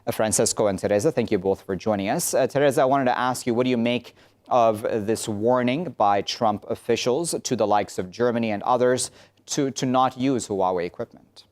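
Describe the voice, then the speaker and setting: A man's voice: medium pitch, fairly quick, darkish tone. A man hosting a news panel, introducing guests and putting questions to them, with frequent fillers and restarts. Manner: hesitant, many fillers and restarts. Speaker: news show host. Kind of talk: moderating a panel discussion.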